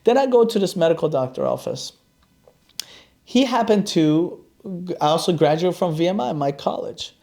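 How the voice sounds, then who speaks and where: Guy on a podcast telling a story, kinda high voice with lots of gravel, really animated. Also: normal speed. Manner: animated, acts out quoted dialogue. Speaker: chiropractor and podcast host. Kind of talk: casual storytelling monologue.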